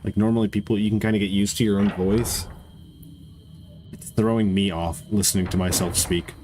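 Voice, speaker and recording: A man's voice: fairly low pitch, steady tone, moderate pace, a little mellow, slight background noise. A man with a congested nose giving casual, profane, joking commentary while streaming a game.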